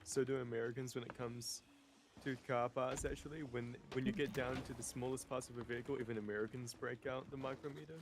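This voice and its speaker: A man gaming with a friend over a call, his voice at a middling pitch. His comebacks are dry and teasing. Clear hiss and clicking sit behind his voice on the mic. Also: little pitch movement, fast talker. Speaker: gaming co-host. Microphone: computer mic on an online call.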